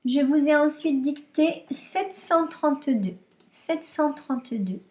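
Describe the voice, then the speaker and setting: Casting: female primary teacher, high voice, very unhurried, dictating and repeating clearly for young children. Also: lively intonation, a little mellow. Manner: dictating, repeating numbers and instructions with deliberate articulation. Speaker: primary school maths teacher. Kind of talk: dictation exercise for young pupils.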